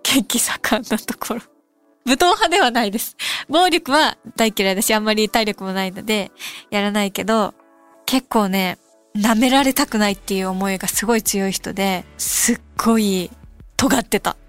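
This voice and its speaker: A young adult woman from Kansai hosting a radio show, reading listener mail and musing aloud in a relaxed, casual way. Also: mid-range voice, normal speed. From Kansai, Japan. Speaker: radio host. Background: soft background music.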